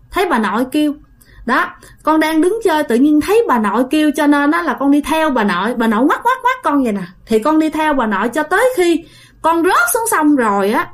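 A woman telling a ghost story in a casual, chatty way, talking straight to her listeners. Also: high voice. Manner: chatty, addresses listeners directly, many fillers.

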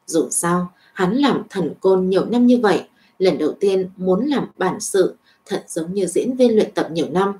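A woman reading a web novel aloud as narrator, in an even storytelling voice with small lifts for dialogue. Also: fairly low pitch, a little slow.

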